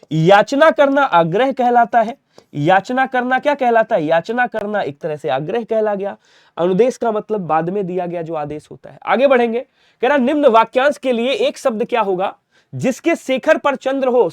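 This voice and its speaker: High-voiced man drilling a Hindi lesson. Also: dry recording. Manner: repetitive drilling, asks then answers for students. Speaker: online exam-prep Hindi teacher. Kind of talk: rapid-fire grammar lesson.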